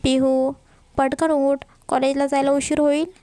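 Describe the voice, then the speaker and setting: Woman voicing a stern caring young husband, storybook, mellow tone, dry recording. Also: high voice, level tone, a little slow, no echo. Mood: scolding. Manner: firm, scolding then tender.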